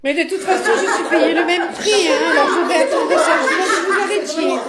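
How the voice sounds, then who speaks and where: A woman's voice: extremely high pitch, brisk, over a noisy crowd. A woman playing a lazy, indifferent teacher who drawls with amusement. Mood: smug.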